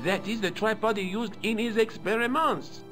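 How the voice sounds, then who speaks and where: A man's voice: high-pitched, moderate pace, fairly bright tone, soft background music. A man voicing a haughty, self-important museum deputy custodian in a video game. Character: pompous fussy French male museum deputy custodian. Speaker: museum guard character.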